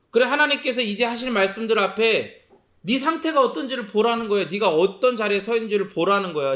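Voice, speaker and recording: Man, pastor, sermon, lively swooping delivery, high voice, rhetorical questions. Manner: animated, asks rhetorical questions and answers them; acts out quoted lines in a sharp voice.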